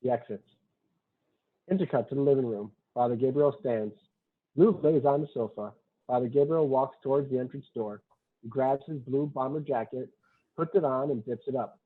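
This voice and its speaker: The recording is a thin, phone-like online call in which a man reads stage directions at a table read. He has a medium-pitched voice, keeps a moderate pace, and delivers short, clipped lines in a matter-of-fact way.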